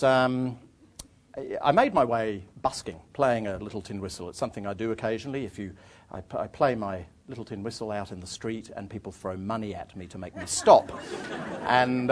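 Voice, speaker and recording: A man telling humorous, self-deprecating travel stories to a live audience, rambling with many fillers. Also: mid-range voice. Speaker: storyteller speaking to an audience.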